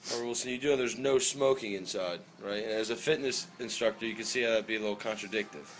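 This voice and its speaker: A man's voice: on the low side, steady tone, quick pace, a little hiss or hum, poor audio. A man asking questions as a casual mock interviewer in a polite, hesitant way.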